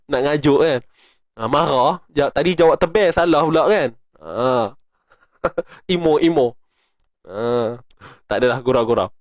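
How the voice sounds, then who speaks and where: In a casual online session full of jokes, a middle-aged man with a Malaysian Malay accent slowly drills students on Quran recitation sounds. He has a fairly high-pitched voice, and no room sound comes through.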